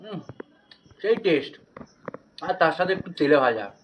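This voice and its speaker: Filming his village vlog on a handheld phone, this young West Bengal man talks about daily life and coaxes his small daughter at a rainy home, partly outside. He sounds very animated, a little high and a little slow; the highs are cut off and there's background noise.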